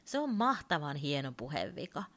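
A woman's voice: sits low, big pitch swings, fairly bright tone, heavily acted. A woman voicing an eager, curious young male toy bear who keeps asking why.

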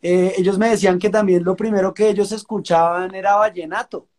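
A young Colombian man with a Colombian Spanish accent, a singer-songwriter chatting in an interview and telling relaxed stories. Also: high-pitched, brisk. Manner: relaxed, storytelling, uses fillers like pues. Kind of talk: casual interview chat.

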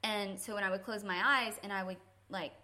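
A woman's voice: medium pitch, steady tone, a little fast, sharp tone. A woman yoga instructor, a podcast guest, telling earnest and reflective stories about faith and teaching, laughing easily. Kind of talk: faith-centered conversational storytelling.

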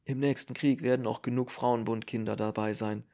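A man's voice: mid-range voice, steady tone, brisk, warm tone, natural voice. A man voicing a curt, growling, exhausted male doctor in an audiobook. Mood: gruff. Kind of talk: audiobook character reading.

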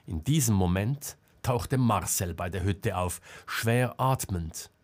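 A man reading an audiobook as narrator in a calm, measured way. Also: on the low side. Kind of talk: scripted narration.

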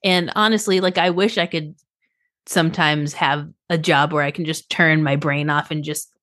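A woman touring photographer chatting casually as a podcast guest, upbeat and quick to laugh. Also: low voice, steady tone, a bit bright, dry recording, rough recording. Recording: remote call, briefly garbled by a loose cable.

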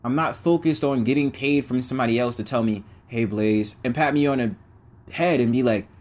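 Hosting his own podcast, a man with a mid-range, somewhat dark voice delivers a brisk, casual motivational monologue that turns preachy, full of everyday slang.

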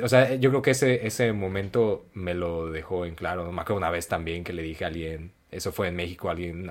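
Mexican man, low voice, animated casual storyteller. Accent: Mexican Spanish. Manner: animated storyteller, jumps to high acted voices for quotes; colloquial, many fillers. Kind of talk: casual chat.

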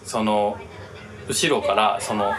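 A man's voice: fairly low pitch, slow, a crowd in the background. A man with a Kansai accent telling a story in casual podcast chat, full of fillers. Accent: Kansai Japanese. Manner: rambling, many fillers, lively telling. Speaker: podcast co-host.

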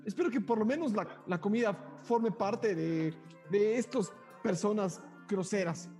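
A man's voice: high voice, unhurried, dark tone, soft background music. A man voicing an indignant, protective mother in a tabletop game, in a huffy, scolding tone.

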